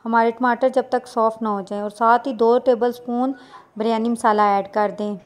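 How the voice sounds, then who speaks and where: A woman, talking viewers through a recipe step by step in a plain, unhurried voice-over. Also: a little high, fairly even intonation. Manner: plain instructional, unhurried with small restarts. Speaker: cooking channel host.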